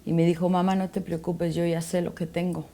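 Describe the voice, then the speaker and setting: A woman's voice: lowish voice, little pitch movement, fairly quick, warm tone. A middle-aged woman giving a personal faith testimony as a guest, telling a story and acting out the dialogue.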